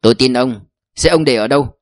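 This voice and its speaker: A man's voice: mid-range voice, fairly quick, no room sound, studio quality, natural voice. A man reading an audiobook voices a crafty older security chief who talks bluntly and bossily. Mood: scheming. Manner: blunt, bossy. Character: sly older male security chief, scheming.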